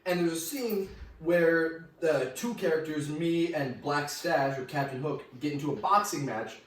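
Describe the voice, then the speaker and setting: A young man in casual chat, chiming in with quick teasing remarks and laughing. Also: fairly high pitch. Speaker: podcast co-host. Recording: very echoey room, distant mic, faint noise.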